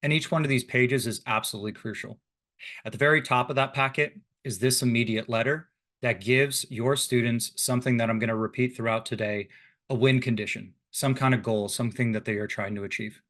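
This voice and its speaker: A man's voice: medium pitch, fairly even intonation, brisk, a bit bright. A man leading an online teacher workshop, talking casually and addressing the group directly over a video call mic. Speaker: instructor leading a workshop session.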